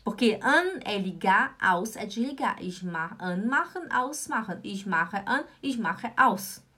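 A woman teaching German in a live online lesson, slowly repeating and drilling words. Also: mid-range voice, lively intonation, bright, forceful tone, husky. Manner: slow, repetitive drilling of words.

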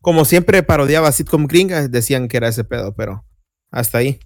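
A man's voice: medium pitch, animated, brisk, dry recording, clean studio sound. A man co-hosting a podcast, casually discussing a film and laying out his arguments at length. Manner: explanatory, argues his points at length. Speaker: podcast co-host.

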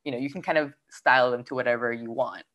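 A young Peruvian woman, founder of a fashion brand, discusses her label in a relaxed, easygoing casual interview. Her voice is very low for a woman and she speaks quickly, thinking aloud and filling her sentences with lots of "like" and "um." The sound is lo-fi.

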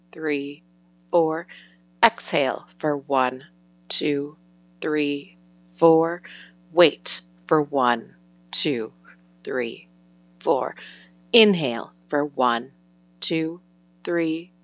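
Slow, low-voiced woman counting breaths. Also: dry recording. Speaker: breathing exercise instructor. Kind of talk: guided breathing exercise.

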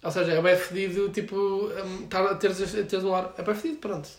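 A man's voice: high-pitched, steady tone, moderate pace, echoey room. A young man with a European Portuguese accent chatting casually in a rambling, slangy way full of filler words. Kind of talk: casual chat.

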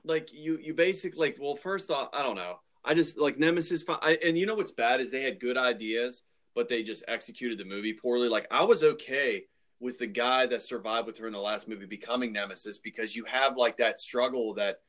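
This male podcast co-host has a mid-range, fairly bright voice and speaks a little fast. He discusses movies in a casual, opinionated way, sounding exasperated and saying "like" and "dude" constantly.

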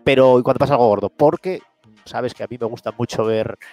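Fast-talking Spanish-accented host. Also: male voice, mid-range voice, darkish tone, dry recording, faint music behind. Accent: Spain Spanish. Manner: quick, joking banter. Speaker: podcast host. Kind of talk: casual chat.

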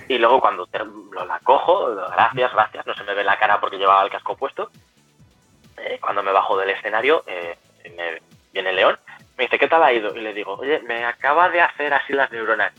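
A young man speaks quickly, chatting away as an interview guest. His voice is bright and forward. He stops and restarts his sentences as he goes, and quiet music plays faintly behind him. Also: fairly low pitch, lively intonation, husky, no room sound, muffled recording. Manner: chatty, many restarts and self-corrections. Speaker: guest cosplayer. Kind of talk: casual storytelling.

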